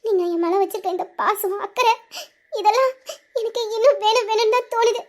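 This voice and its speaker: A lovestruck young woman, just over a fever, speaking softly and hesitantly in a high voice, as a woman puts her on. The scene comes from a homemade audio drama. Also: brisk. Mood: tender. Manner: soft, hesitant, wondering.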